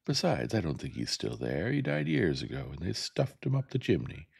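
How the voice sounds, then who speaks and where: A gravel-voiced man voicing a bossy, boastful older boy in a storybook reading. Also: low voice, wildly swooping pitch, moderate pace, exaggerated voice. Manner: bossy, hollering.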